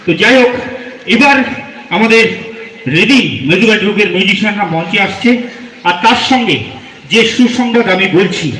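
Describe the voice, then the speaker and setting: A man hosts a live stage event, keeping the crowd going with playful teasing and banter between the acts. His voice sits high and bright. It rings out with a roomy echo from the venue. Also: normal speed, long pauses, a little hiss or hum. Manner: joking, teasing the audience. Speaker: stage show emcee. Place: live stage before an audience. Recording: echoey live venue sound.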